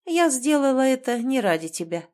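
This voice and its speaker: A woman voicing a cold, manipulative older sister who speaks calmly and condescendingly. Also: high-pitched, moderate pace, pitched above the performer's own voice. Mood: icy. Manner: calm, icy, condescending.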